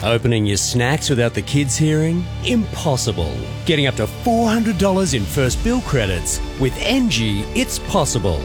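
A man's voice: medium pitch, big pitch swings, moderate pace, music in the background. A man reading a scripted advertisement as a commercial announcer. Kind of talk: scripted ad read.

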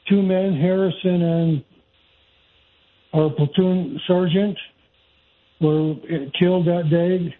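A man in his seventies, a former military caller, speaking over a phone line and recounting dates and numbers in a measured, methodical way. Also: high voice. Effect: heard over a phone line. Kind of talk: call-in radio talk.

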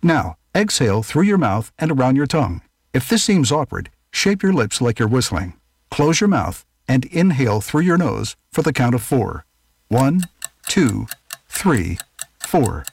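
Man, calm breathing-exercise guide, husky voice, lively pitch. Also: dry recording, clean studio sound. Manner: calm, measured, instructive. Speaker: ad announcer.

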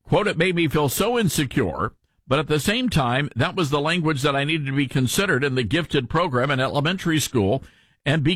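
A male talk radio host with a mild Southern American accent and a husky voice. His delivery is folksy and animated, with pitch that moves around a lot. The sound is dry and close, like a studio. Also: dry recording. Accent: mellowed Southern American. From Southern US, Tennessee. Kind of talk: conversational talk radio commentary.

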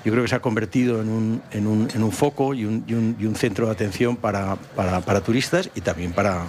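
A man's voice: lowish voice, steady tone, fairly quick, a little mellow. A man from San Sebastián, a company founder, answering interview questions hesitantly with many restarts. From San Sebastián, Spain.

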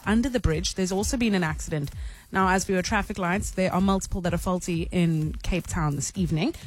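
A South African woman co-hosting live radio, switching between playful banter and traffic reporting. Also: mid-range voice. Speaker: radio co-host and traffic presenter. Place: radio studio. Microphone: studio microphone.

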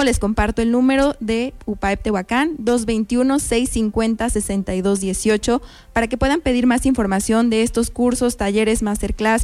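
A woman's voice: on the high side, darkish tone. Upbeat Mexican woman promoting on radio. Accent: Mexican Spanish. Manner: upbeat promotional, repeats details. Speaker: university promotion coordinator, guest. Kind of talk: radio guest interview. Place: radio studio.

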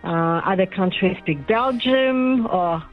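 A chatty woman from Senegal phoning in to a radio programme. She talks in a relaxed, friendly way, laughs easily, and her voice sits in a middle register, with faint music playing underneath. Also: medium pitch, slow, muffled recording. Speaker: caller. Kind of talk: casual radio call-in chat. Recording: phoned-in call over the radio.

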